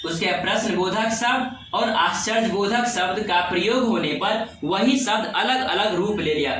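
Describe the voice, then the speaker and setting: Male teacher, high and bright, breaks words into syllables, echoey room, mic set back. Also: distant mic, slight background noise. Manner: repeats words slowly, syllable by syllable. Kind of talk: classroom grammar lesson.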